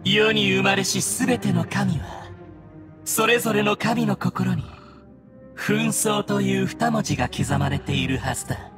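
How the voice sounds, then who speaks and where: A man's voice: sits high, over music. A man voicing an arrogant young newborn god in a mechanical body, with a haughty, theatrical delivery for an anime-style game. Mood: lofty disdain. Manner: haughty, theatrical, contemptuous, deliberate. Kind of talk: Japanese anime game voice acting.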